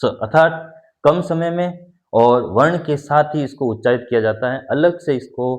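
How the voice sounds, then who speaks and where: A man's voice: mid-range voice, a little mellow. A man teaching a grammar lesson, explaining step by step and repeating key points while he demonstrates sounds.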